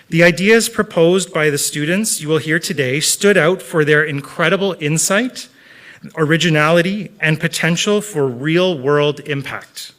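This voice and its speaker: Male event host, slightly high register, formal scripted introductions for a speech contest. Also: a bit bright. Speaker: host of a youth speech competition.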